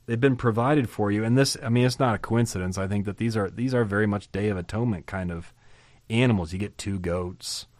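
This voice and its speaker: A man's voice: on the low side, brisk, dry recording. Chatty man teaching the Bible. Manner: lively, chatty, asks rhetorical questions, chuckles.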